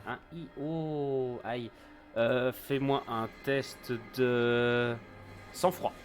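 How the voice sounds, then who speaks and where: A man's voice: mid-range voice, steady tone, drawn-out words, clean tone. Guy game mastering a tabletop rpg, mid voice, improvising scenes, music behind. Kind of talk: improvised narration of a tabletop role-playing game.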